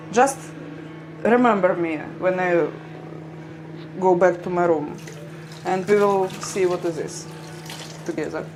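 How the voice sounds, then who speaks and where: A livestream vlogger with a lowish voice chats casually and reads viewer comments, with music and other background noise present. She's a young woman with a Ukrainian accent who laughs often and speaks slightly broken English.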